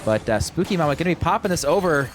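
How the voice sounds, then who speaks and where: A young man calling an esports match play-by-play, quick and excited, talking to the chat. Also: on the high side, background noise. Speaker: esports caster.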